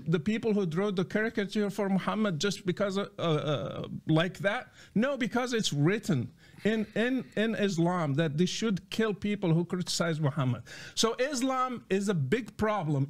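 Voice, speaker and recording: A man speaking in a podcast debate, halting and restarting his sentences. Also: high-pitched, lively intonation. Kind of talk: debate talk.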